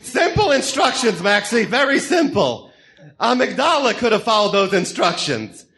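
A gleefully sadistic clown supervillain for a comic-book radio drama. The voice is high, bright and wildly swooping, full of theatrical taunts and cackling menace. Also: male voice, big pitch swings, normal speed, soft background music, full character voice. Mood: exasperated, taunting. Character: manic, gleefully sadistic male clown supervillain, mocking gangster.

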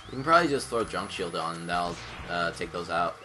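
A man's voice: deep voice, brisk. A man co-hosting a let's play, guiding his partner through the game with casual, joking commentary. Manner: guiding, lively, laughs often. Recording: music playing behind.

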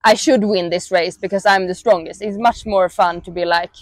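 A young woman with a Swedish accent, a native Swedish speaker, giving relaxed, halting interview answers full of fillers, outdoors on a lapel mic. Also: mid-range voice, no room sound. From Sweden. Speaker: athlete interviewee. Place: outdoors in a grassy mountain meadow.

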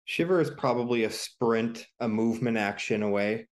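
A man running a tabletop game as game master, giving measured rulings. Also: mid-range voice.

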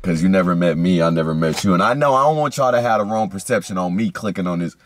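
A man's voice: low-pitched, expressive. A man in his early twenties speaking earnestly to camera about his goals and life lessons. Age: 20s. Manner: earnest, slow, heartfelt. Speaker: vlogger. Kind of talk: reflective vlog talk to camera.

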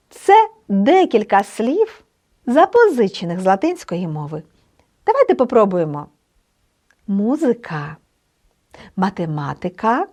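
Woman teacher for an online lesson: unhurried, patient delivery, slow careful word drills. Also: high voice. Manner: encouraging, pronounces example words slowly and carefully. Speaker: Polish language teacher.

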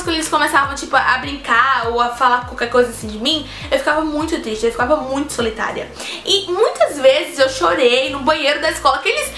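An eighteen-year-old vlogger tells a personal story, chatting straight to her viewers in an earnest way. Her voice sits high with a bright, forceful tone, and the recording has a roomy echo and faint music.

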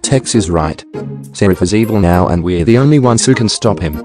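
A man's voice: sits low, a little fast, natural voice. A man playing a brash, chatty young prince in a cartoon skit, casual and exclamatory. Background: loud music.

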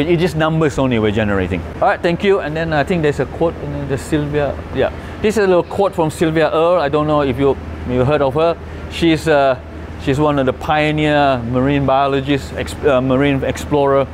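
A middle-aged Malaysian man gives a conservation talk and takes audience questions, explaining hesitantly and restarting often. His voice is on the high side and a little fast. Slight background noise can be heard.

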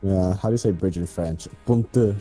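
A deep, warm-toned voice at normal speed belongs to a young gaming channel host doing casual co-op commentary. He giggles with his friend, plays around, and squeals for fun. Soft music sits in the background, and the audio quality is poor.

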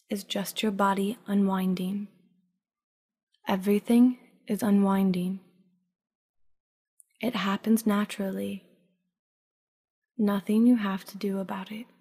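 A woman narrating a guided sleep meditation like a sleep story, calm, unhurried and soft-spoken, with breathy phrase endings. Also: medium pitch. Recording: long reverberant tail on voice.

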